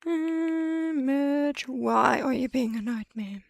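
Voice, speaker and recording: Speaking slowly in a high, creaky voice with no echo, a woman live-streams a 3D modeling tutorial. She chats and mutters to herself, thinking aloud through each step.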